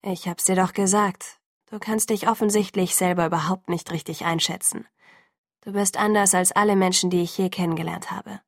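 A woman reading the lines of a brooding, protective teenage vampire boy, quiet and insistent, in an audiobook. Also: fairly low pitch, steady tone, normal speed, no room sound, studio quality. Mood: serious.

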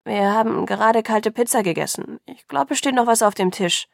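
A laconic middle-aged father in a storybook, talking flatly and offhand with his mind elsewhere, as a woman reads him. His voice sits a little lower and louder than the narration around it, with a gravelly edge. The sound is close and dry. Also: normal speed, dry recording.

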